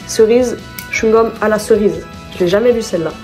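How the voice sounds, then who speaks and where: Soft music sits quietly under this woman's mid-range, relaxed and mellow voice as she talks a little fast. A chatty vlogger at home, she rambles through her shopping haul, correcting herself as she goes.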